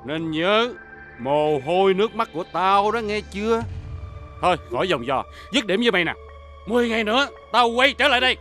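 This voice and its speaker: A man's voice: high-pitched, animated, moderate pace, a bit bright, soft background music. An actor playing a menacing male moneylender who bullies and threatens a poor debtor in a TV crime drama. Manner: threatening, bullying, leering. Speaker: loan shark.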